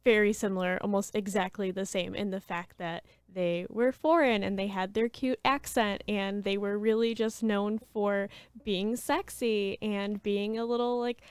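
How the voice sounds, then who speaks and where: Woman, theatre review co-host, casual chat, upbeat and fluent, smooth clear voice, dry sound. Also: mid-range voice, steady tone, moderate pace, dry recording. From United States.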